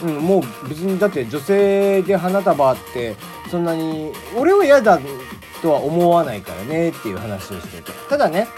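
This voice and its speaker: A man hosting a casual solo talk show, his speech carrying slight traces of a Hakata dialect. He rambles along with drawn-out fillers and his pitch swings up and down freely. Faint music plays softly underneath. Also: expressive. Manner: rambling, many drawn-out fillers, chuckles at himself. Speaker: podcast host.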